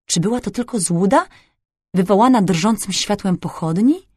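A woman's voice: medium pitch, lively intonation, moderate pace, darkish tone, husky, no room sound, studio quality. Woman narrating a fantasy audiobook.

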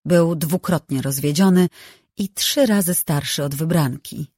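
An audiobook narrator reading a novel in a measured, even way on a close microphone. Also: medium pitch, no room sound.

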